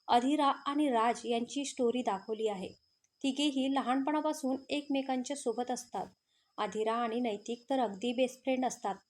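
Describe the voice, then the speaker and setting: High-voiced woman storyteller. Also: darkish tone. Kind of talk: story narration.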